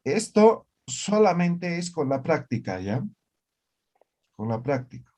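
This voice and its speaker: A man's voice: a little high, sing-song, slow pace, a little mellow. A man teaching an online language class, explaining grammar step by step and often checking that students follow. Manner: explanatory, checks understanding with frequent "¿ya?" and "¿no ve?".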